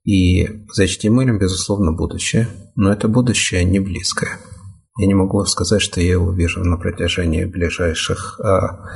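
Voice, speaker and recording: Brief: very deep, gravelly male voice, husky, measured and hesitant technical talker. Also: steady tone. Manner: measured, hesitant with frequent fillers. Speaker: software developer. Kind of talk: technical discussion.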